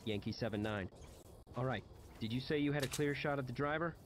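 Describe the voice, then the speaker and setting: A man's voice: medium pitch, brisk, natural voice. A man reading an audiobook and voicing an impatient military officer in a clipped manner, with background noise. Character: impatient male officer on radio. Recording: noisy background hiss.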